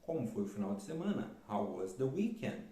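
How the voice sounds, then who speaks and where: Lively man teaching in a roomy space. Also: lowish voice. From Brazil. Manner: lively, repeats key words, reads examples slowly. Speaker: English teacher. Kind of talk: explaining English lessons in Portuguese. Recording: roomy echo.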